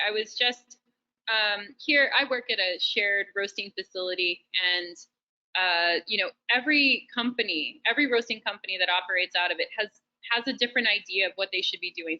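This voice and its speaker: A woman's voice: mid-range voice, moderate pace, sharp tone, dull audio. A woman chatting casually as host of an online session, full of fillers and restarts. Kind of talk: casual webinar chat. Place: shared roasting facility.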